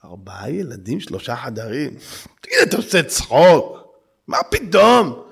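A man's voice: high-pitched, very animated, pitched above the performer's own voice, exaggerated voice. Man putting on a pushy young salesman. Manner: insistent, badgering, loud.

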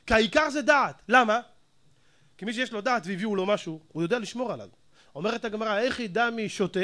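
High, bright-voiced preaching man. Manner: animated, rhetorical questions, acts out shouting. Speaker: rabbi preacher. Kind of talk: Torah sermon.

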